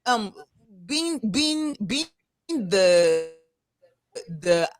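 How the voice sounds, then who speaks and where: A woman's voice: medium pitch, very slow. A young Nigerian woman with a Nigerian accent, hosting a casual roundtable discussion and making her points earnestly and with emphasis. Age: young adult. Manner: earnest, animated, emphatic, repeats words. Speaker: discussion host.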